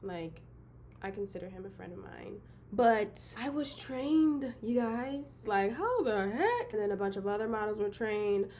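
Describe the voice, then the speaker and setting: A woman's voice: medium pitch, measured pace, a little hiss or hum. Bubbly young woman beauty vlogger. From Detroit, Michigan. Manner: bubbly and excitable, with giggly bursts. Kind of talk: casual intro vlog.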